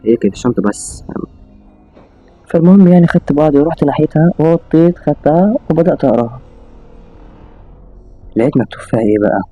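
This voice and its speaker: Fast-talking Egyptian man telling a story. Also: mid-range voice, husky. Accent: Egyptian Arabic. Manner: rapid, animated retelling with exclamations and restarts. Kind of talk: casual spoken storytelling to an audience. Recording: slightly dull audio with faint music.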